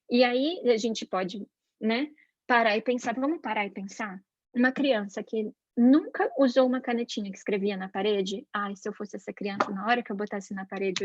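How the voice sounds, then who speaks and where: A Brazilian woman speaks with a slightly high voice, giving a chatty parenting lesson as an educator. She tags her sentences with questions and slips into the voices of the people she quotes. The recording is dry and somewhat muffled. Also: no echo. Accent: Brazilian Portuguese. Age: adult parent. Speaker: Montessori educator. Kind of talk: informal parenting talk.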